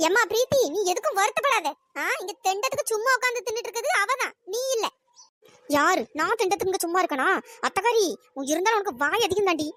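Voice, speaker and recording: A performer voicing a domineering older mother-in-law who shouts and berates her daughter-in-law in a cartoon. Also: very high voice, lively intonation, fast, dry recording, full character voice. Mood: scolding. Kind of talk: cartoon voice acting.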